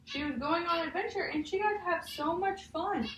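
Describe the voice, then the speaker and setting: A teacher leads a read-aloud, talking a child through a picture book in an extremely high, slightly fast, somewhat bright voice. She guides the child and often checks for agreement, frequently ending statements with "huh?" The recording is roomy, from a distant mic, with faint noise.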